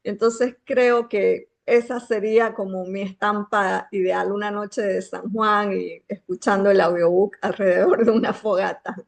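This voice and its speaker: A woman author from Bolivia with a Bolivian Spanish accent, speaking in a reflective way, pausing and searching for words. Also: medium pitch, fairly even intonation, gravelly. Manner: reflective, searching for words, many filler pauses. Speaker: guest author. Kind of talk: thoughtful conversation.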